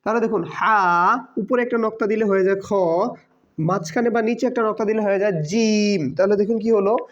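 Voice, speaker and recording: Patient tutor, drills by repetition, dull lo-fi sound, average pitch. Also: a little fast. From Bangladesh. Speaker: Quran teacher. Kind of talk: step-by-step lesson. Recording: dull lo-fi recording.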